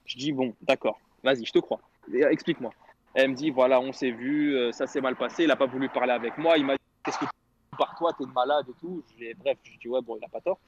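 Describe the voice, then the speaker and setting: Fast-talking young man telling a story. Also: mid-range voice, dull audio, slight background noise. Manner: rambling, slangy, quotes others. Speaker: radio show guest telling a story. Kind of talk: casual storytelling chat.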